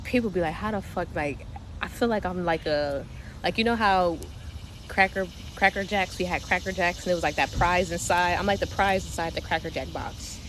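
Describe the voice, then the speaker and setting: On her spiritual livestream, this young Delaware woman talks casually and profanely, with a slight New York twang and frequent laughter. She speaks at a normal speed in a fairly low pitch, over a poor recording with constant background noise.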